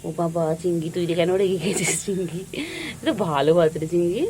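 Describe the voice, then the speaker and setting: A woman's voice: fairly low pitch, steady tone, quick pace, dark tone, slight background noise. A woman filming her cats at home, talking baby talk to them in a cooing, sing-song way with lots of repeated words. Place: home with pets.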